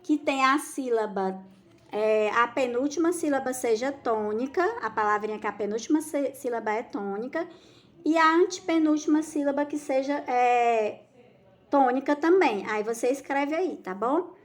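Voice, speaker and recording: High-voiced warm Brazilian woman teacher. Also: moderate pace. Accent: Brazilian Portuguese. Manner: affectionate, patient, drawing out key words. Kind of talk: recorded school lesson for children.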